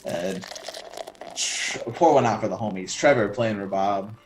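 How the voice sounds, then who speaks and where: A man's voice: fairly low pitch, a little slow, over music, low-quality recording. A man hosting and narrating a tabletop role-playing game as game master. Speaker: game master and podcast host.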